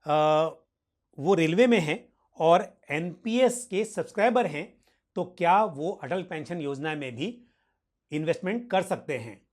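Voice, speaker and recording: Answering viewers' financial questions, this host explains things in a formal, courteous way, dropping in English finance terms. He speaks in a high-pitched, unhurried voice.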